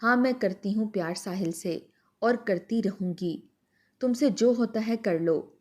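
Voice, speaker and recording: Brief: a woman playing a defiant young wife, sharp and scornful, mellow storybook tone. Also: mid-range voice, natural voice.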